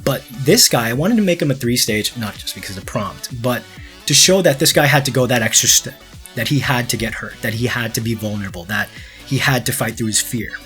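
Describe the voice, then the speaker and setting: A man's voice: medium pitch, expressive, a little fast, fairly bright tone, soft background music. A young man hosting, narrating his design story in a dramatic scripted way with casual asides. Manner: dramatic storytelling, then laughing banter. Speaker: artist and channel host.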